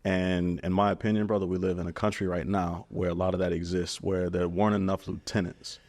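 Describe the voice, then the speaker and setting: A man's voice: low-pitched, level tone, brisk, darkish tone. A man hosting a podcast, speaking in an earnest and reflective way in a casual interview. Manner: earnest, reflective, calls the guest brother. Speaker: podcast host.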